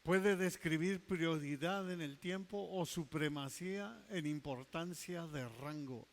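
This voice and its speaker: A male pastor preaching a sermon, emphatic, stretching key words slowly and dropping into quiet asides. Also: fairly high pitch.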